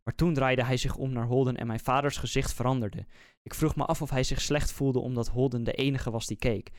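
A man, a podcast host, reading a scary story aloud in a slow, measured, suspenseful way. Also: mid-range voice, fairly even intonation, no room sound, studio quality. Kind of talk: scripted horror story narration.

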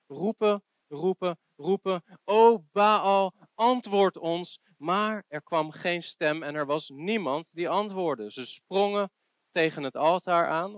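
Male preacher, animated storytelling sermon, fairly high pitch, dry recording. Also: no echo. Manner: lively storytelling, mocking quoted voices, rising to emphatic peaks.

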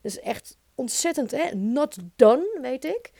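A woman in her thirties with a Dutch accent, hosting her own podcast and talking in an expressive, emphatic way. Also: high-pitched, slow, vocal fry, no room sound, studio quality. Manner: intense, expressive, emphatic with swearing. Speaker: podcast host. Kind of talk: solo podcast monologue.

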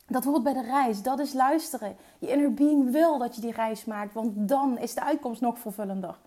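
A woman's voice: a little high, moderate pace, warm tone. A woman entrepreneur giving an earnest motivational coaching talk, mixing in English phrases and sometimes dropping to a whisper. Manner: mixes English phrases into her speech.

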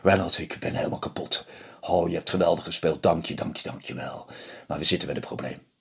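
A man doing a hushed old little-man fortune-teller. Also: steady tone, a little fast, husky. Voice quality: low hushed whispery voice. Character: old male ceremony master, a little elf-like fortune-teller, hushed and mysterious.

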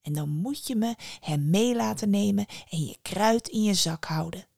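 A woman voicing Mother Death, an ancient stern female spirit, speaking in a hushed, often whispered, lowered voice. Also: moderate pace, gravelly, dry recording, studio quality.

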